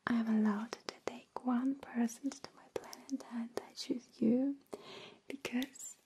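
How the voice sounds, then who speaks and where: In an ASMR roleplay, a woman plays a friendly, caring alien abductor, whispering softly and breathily with slow, soothing, coaxing words pitched right up close to the listener. Her voice is a little high with a flat delivery, and the background is noisy.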